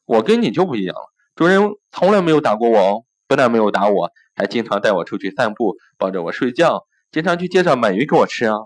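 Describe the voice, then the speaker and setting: A man's voice: medium pitch, sing-song, fast, hardly any pauses. A man doing a smug little cat.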